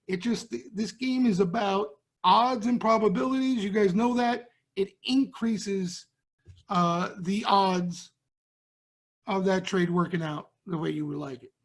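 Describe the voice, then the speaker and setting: A man's voice: high-pitched, a little slow. A man with a Brooklyn accent hosting a trading show, talking casually and bluntly to viewers and often checking in with "right?". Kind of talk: casual market talk to viewers.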